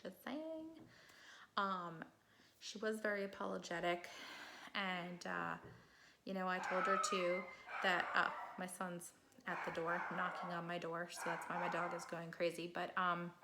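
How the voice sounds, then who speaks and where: A woman's voice: fairly low pitch, flat delivery, moderate pace, heavy background noise. A middle-aged woman telling an earnest story in a casual home vlog, chatty with many fillers. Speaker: vlogger.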